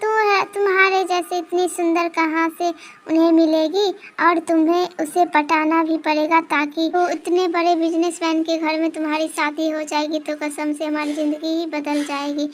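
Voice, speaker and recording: A greedy, scheming stepmother from a cartoon story, coaxing and flattering, as a woman reads her. The voice sits high and stays flat, with little rise and fall. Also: moderate pace.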